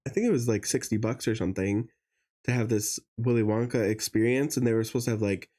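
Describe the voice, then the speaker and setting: A man's voice: medium pitch, quick pace, dark tone. A young adult man co-hosting a podcast, gossiping in casual chat with lots of fillers. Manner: chatty, gossipy, many fillers. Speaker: podcast co-host.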